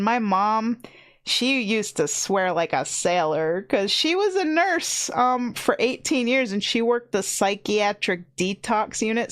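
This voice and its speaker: A woman in her thirties chatting casually on a stream, rambling with lots of "like" and frequent laughs. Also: medium pitch. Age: 30s. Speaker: VTuber streamer.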